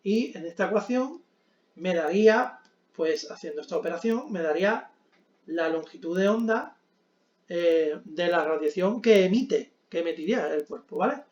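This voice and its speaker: High-voiced man teaching physics at a board. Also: expressive, normal speed, a little mellow, roomy sound, muffled recording. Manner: explanatory, frequent "¿vale?" check-ins and fillers. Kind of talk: whiteboard physics lesson.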